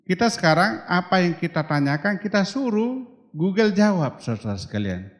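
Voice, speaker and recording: A man's voice: high-pitched, big pitch swings, normal speed. An older man from Toraja, a guest preacher, giving a humorous sermon and acting out quoted voices. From Toraja, Indonesia. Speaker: guest preacher and seminary rector. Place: large church hall. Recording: long hall reverb.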